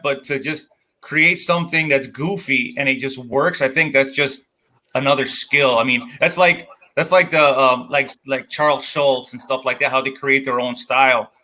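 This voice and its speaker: A man's voice: a little high, pushed and bright. A man with a Wisconsin accent on a comics panel, talking in a stern, matter-of-fact way and often restarting his sentences. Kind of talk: casual panel chat.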